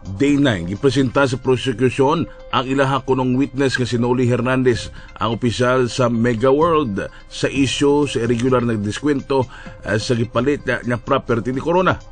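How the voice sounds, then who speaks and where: A man's voice: mid-range voice, normal speed, faint music behind. A man with a Cebuano accent giving wry broadcast news commentary, often addressing listeners as friends.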